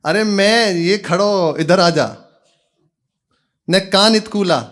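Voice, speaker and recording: A man's voice: sits high, takes it slowly, fairly bright tone, voice pushed up. A man voicing a stubborn, half-deaf old village mother who mishears and bickers in a rustic Braj accent. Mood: scolding mishearing.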